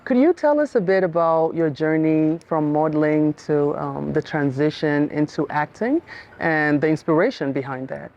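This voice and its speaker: Woman podcast host reading her intro, lowish voice, kinda muffled lo-fi sound. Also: moderate pace, a little mellow. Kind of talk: scripted podcast intro and interview questions.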